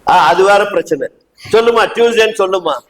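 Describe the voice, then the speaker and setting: A man's voice: high voice, lively intonation, a little fast. A male pastor giving a sermon through an interpreter, talking conversationally and quizzing the congregation with questions. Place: church. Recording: echoey church hall.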